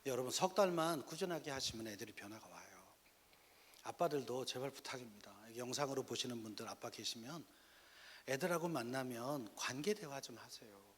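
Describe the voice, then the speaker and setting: A man's voice: medium pitch, a little fast. A middle-aged male pastor lecturing parents in a church hall, telling stories and appealing directly to his listeners. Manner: lively storytelling with direct appeals to the audience.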